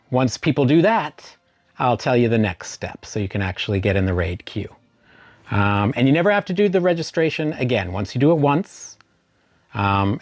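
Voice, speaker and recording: A man's voice: medium pitch, dry recording. A man hosting a casual live stream, greeting viewers by name and spelling out chat commands.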